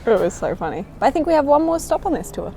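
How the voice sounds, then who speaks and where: A woman's voice: sits high, very animated, quick pace, mellow, a little hiss or hum. Playful young woman vlogging a tour. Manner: playful and upbeat. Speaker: travel vlogger. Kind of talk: casual travel vlog chat. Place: outdoors on a guided tour.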